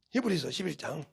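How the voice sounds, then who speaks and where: A middle-aged male pastor from South Korea, preaching emphatically and swinging between loud bursts and hushed asides. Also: high voice, gravelly, slightly rough. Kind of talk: sermon.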